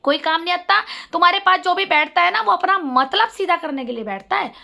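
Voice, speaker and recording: Addressing her sister directly in a personal vlog, a middle-aged woman delivers an emotional appeal that swings between scolding, pleading, and preaching. Her voice is extremely high, creaky, and sharp, and she talks a little fast.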